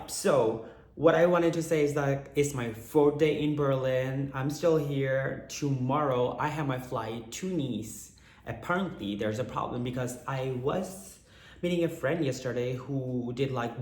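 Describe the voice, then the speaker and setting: A young man with a cracked, hoarse, strained voice, chatting casually in a candid, slangy, rambling storytime vlog. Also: medium pitch. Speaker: vlogger. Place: indoors in an apartment. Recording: echoey room.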